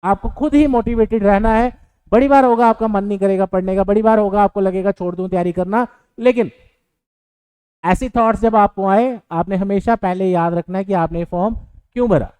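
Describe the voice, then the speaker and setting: Guy teacher giving a pep talk to exam students, warm smooth voice, dry sound. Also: high-pitched, moderate pace, no room sound, low-quality recording. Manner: earnest, advising, with fillers and English words mixed in. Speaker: coaching teacher. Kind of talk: motivational lecture to exam aspirants.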